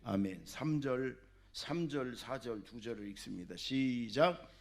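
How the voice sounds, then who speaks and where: A man's voice: mid-range voice, animated, unhurried, a little hiss or hum. A man preaching a Sunday sermon as senior pastor, exhorting his congregation with sudden emphatic bursts. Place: church sanctuary.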